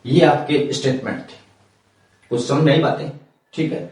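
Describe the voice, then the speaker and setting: A man's voice: medium pitch, normal speed, a little mellow. Hindi-accented male teacher in an echoey room. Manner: explains step by step, repeats and quizzes students, calls them beta. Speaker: English teacher. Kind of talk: classroom grammar lesson. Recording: echoey room, mic far off.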